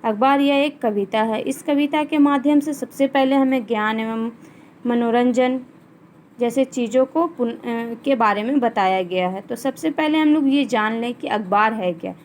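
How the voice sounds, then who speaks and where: High-voiced woman teaching a class. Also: a little mellow, a little hiss or hum, rough recording. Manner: recites verse lines slowly, then explains them plainly. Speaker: Hindi teacher. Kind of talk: online class lesson, explaining a poem.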